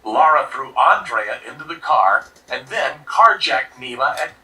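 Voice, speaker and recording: A man giving scripted true crime narration in a steady, serious way, played back from a video. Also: medium pitch, measured pace, far from the mic, low-quality recording. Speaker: documentary narrator.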